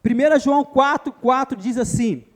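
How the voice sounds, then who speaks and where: Very high-voiced Brazilian man preaching. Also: normal speed. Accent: Brazilian Portuguese. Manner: emphatic, keeps addressing listeners as brother. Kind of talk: sermon. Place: church retreat.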